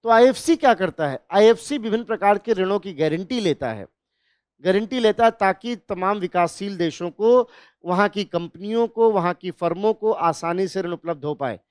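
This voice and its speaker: A man teaching an exam revision class, posing questions and answering them, repeating key terms slowly. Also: sits high, animated, clear, resonant tone, no echo, clean studio sound. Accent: Hindi. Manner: explanatory, asks and answers own questions.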